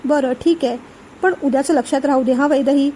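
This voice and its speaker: एक स्त्री करते कडक, रागीट मोठा भाऊ. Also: female voice, high voice, fairly quick, warm tone, a little hiss or hum, lightly acted. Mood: scolding. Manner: curt, scolding. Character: stern elder brother, head of house.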